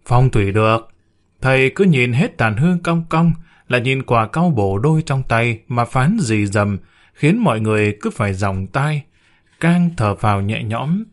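Man narrating a wry story. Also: mid-range voice.

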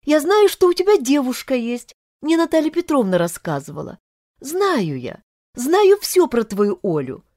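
A woman reading an audiobook, voicing a young woman who pleads tearfully and in a high voice. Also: very animated, unhurried, a little mellow, no room sound, clean studio sound. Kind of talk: audiobook character voice.

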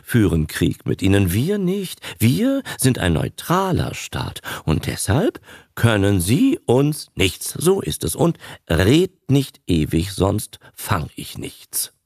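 A man's voice: fairly low pitch, wildly swooping pitch, slow pace, a little mellow, slightly rough, no room sound, studio quality, heavily acted. A man voicing a frightened, guilt-ridden old man past seventy who whispers and gasps his words in a dramatized audiobook. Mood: grumbling. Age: over 70 (figure). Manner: trembling, whispering and gasping.

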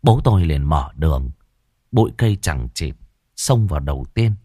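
A man narrating a rural ghost story with an expressive, dramatic delivery. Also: extremely low pitch, normal speed, slightly rough, no echo, studio quality. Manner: expressive, rises and falls dramatically.

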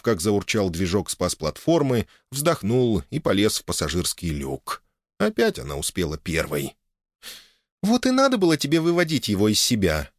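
A man's voice: low voice, no room sound, studio quality. A man narrating an audiobook in the first person, with wry, sarcastic asides.

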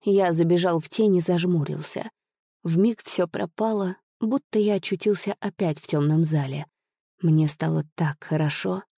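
A woman narrating an audiobook in an expressive, measured storytelling manner. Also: fairly low pitch, vocal fry, dry recording, clean studio sound. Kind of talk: audiobook reading.

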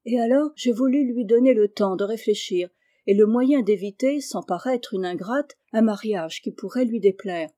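Brief: reserved young shepherd, calm and modest, mellow dark tone, storybook tale, read by a woman. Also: a little high, normal speed, no room sound, clean studio sound, natural voice.

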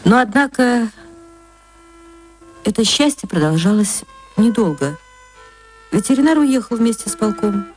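With soft music playing underneath, a woman performs a radio reading of a short story, her dramatic, expressive narration stretching out words. She speaks at medium pitch.

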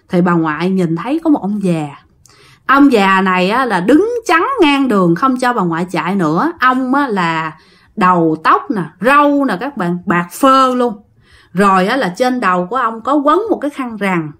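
A woman tells a ghost story in a casual way, speaking straight to her listeners. She is emphatic and repeats words for effect. Her voice sits fairly high. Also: a bit bright. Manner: emphatic, repetitive, addresses listeners.

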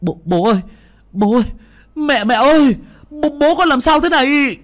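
Panicked young son, high and loud, crying for his parents, voiced by the narrator. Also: animated, normal speed.

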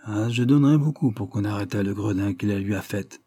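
A man's voice: lowish voice, brisk, warm tone, no room sound, clean studio sound, lightly acted. A man voicing a sly, spiteful gossiping woman. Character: sly spiteful scheming woman, feigning innocence.

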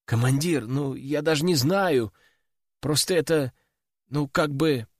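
A man's voice: a little high, a little slow, dry recording, clean studio sound. A man voicing a nervous young soldier in an audiobook, hesitant and stammering.

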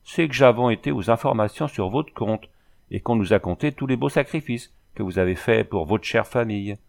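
A man's voice: fairly low pitch, normal speed, gravelly. A man voicing a homely, chatty old peasant mother who talks in rustic country dialect, in an audiobook reading. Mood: fussing, doting.

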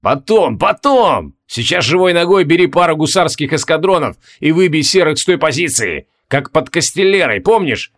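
A man voicing a rousing old undead marshal with a croaking voice, booming commands across a battlefield in an audiobook. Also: big pitch swings, normal speed, hardly any pauses, a bit bright. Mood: hearty.

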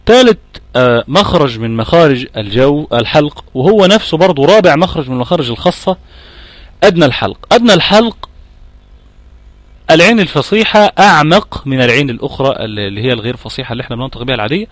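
A middle-aged Egyptian man teaching Quran recitation at a middle pitch. He explains each point patiently, demonstrates the sounds himself and keeps asking whether his students follow. The recording is dry, with no room sound. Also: expressive, very fast, dry recording. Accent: Egyptian Arabic. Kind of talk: tajweed lesson.

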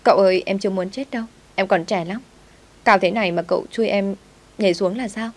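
A woman's voice: fairly low pitch, fairly even intonation, fairly quick, darkish tone, close to an everyday voice. A woman voicing a timid, devoted young servant girl who speaks politely and pleads with her master. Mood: pleading.

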